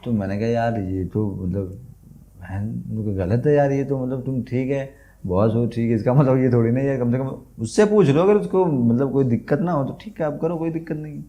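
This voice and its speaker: A man's voice: medium pitch, moderate pace. A man guesting on a podcast, telling a funny story in casual chat and acting out the lines he quotes. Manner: animated anecdote, acts out quoted lines, laughs a lot.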